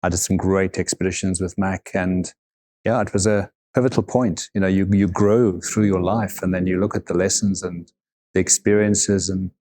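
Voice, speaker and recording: A man's voice: deep voice, steady tone, darkish tone. A middle-aged man from Africa, a guest in an interview, talking thoughtfully and unhurriedly about his life and travels. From South Africa. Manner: thoughtful, unhurried, repeats words as he gathers thoughts. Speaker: guest, overland vehicle consultant. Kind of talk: reflective interview conversation.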